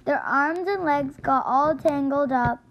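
A woman with a high voice reads a children's storybook aloud. She goes slowly and carefully, now and then catching a word and starting it again. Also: lo-fi sound. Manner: careful, with slips and restarts. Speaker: storybook reader. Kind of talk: reading a children's book aloud.

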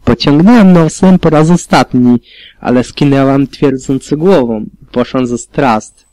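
Narrator audiobooka, mężczyzna, emocjonalnie, sucho nagrany. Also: male voice, mid-range voice, a little slow, dark tone, dry recording, poor audio. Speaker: audiobook reader. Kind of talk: audiobook narration of fan fiction.

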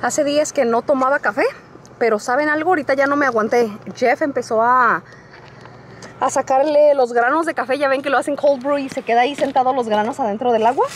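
A woman's voice: high voice, fairly quick. A woman vlogger chatting and telling stories in a casual vlog, laughing often. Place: in a car and outdoors. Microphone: small handheld camera. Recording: noisy vehicle background.

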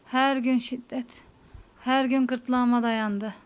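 A woman in her thirties from Turkey, giving a shaken, fearful testimony to a news camera in halting, repeating phrases. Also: fairly high pitch, fairly even intonation, clean tone. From Hatay, Turkey. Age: 30s. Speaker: interviewee.

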